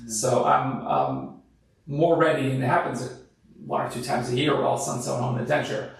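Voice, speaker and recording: A man hosting a dental podcast interview, asking questions in a relaxed way. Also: medium pitch, moderate pace, gravelly. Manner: relaxed, asks questions with fillers like "like". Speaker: dentist podcast host. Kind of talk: conversational interview. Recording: roomy, distant mic.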